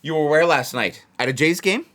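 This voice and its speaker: Speaking at a moderate pace in a fairly bright, somewhat high voice, a man hosts a relaxed blackjack livestream. He rambles as he talks to viewers and often repeats phrases for emphasis.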